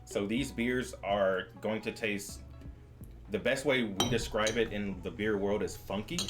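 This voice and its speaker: Joking young brewer with a lowish voice. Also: male voice, a little slow, over music. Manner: joking, explains beer styles at length. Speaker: brewer leading a beer tasting. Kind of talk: casual chat.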